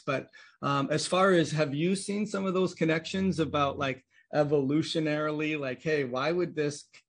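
Brief: male podcast host and clinician, fairly high voice, casual and rambling, explains in long chains. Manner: thinks aloud in long winding explanations. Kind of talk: casual conversational interview.

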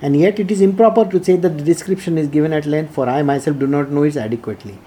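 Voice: medium pitch, fast, warm tone, slight background noise. A spiritual teacher from India with an Indian accent, reading scripture and explaining it informally in a didactic way, repeating phrases for emphasis.

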